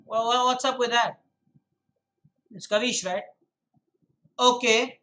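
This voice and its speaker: A man's voice: extremely high pitch, slow pace, sharp tone, rough recording. A male chess coach giving a live-stream lesson, explaining moves, correcting students by name, repeating his points and answering the chat. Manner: repeats points to drill them in; reads the chat aloud and answers it.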